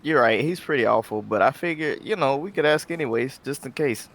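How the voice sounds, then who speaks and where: A man's voice: medium pitch, fairly quick, a bit bright. A man playing a tabletop game, blunt and swearing freely in casual chat. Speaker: player.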